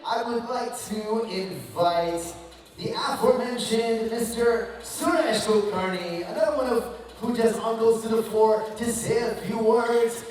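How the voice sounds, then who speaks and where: A man working as the emcee, making slow, drawn-out hype calls to the guests. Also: extremely high pitch, a little mellow. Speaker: master of ceremonies. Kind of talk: event emcee announcements. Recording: echoey hall, far mic, crowd and music.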